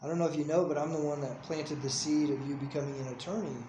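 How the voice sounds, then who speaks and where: A man's voice: a little high, fairly even intonation, fast, roomy sound, slight background noise, rough recording. A middle-aged man, a father speaking earnestly to his estranged child in a personal video message, pleading and insistent. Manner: earnest, pleading, drifts between soft mumbling and heated insistence.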